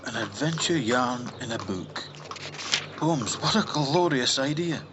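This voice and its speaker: Casting: male actor for stuffy, genteel Victorian doctor, halting and fussy, medium pitch, noisy ambience behind. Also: expressive, highs cut off, natural voice. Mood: pleased. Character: fussy, hesitant Victorian gentleman doctor, sceptical, easily flattered. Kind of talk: radio drama acting.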